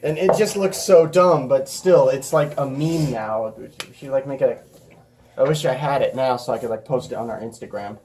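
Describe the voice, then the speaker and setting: A man in rambling, slangy casual chat, quick to laugh. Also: mid-range voice, warm tone, a little hiss or hum. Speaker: card game player.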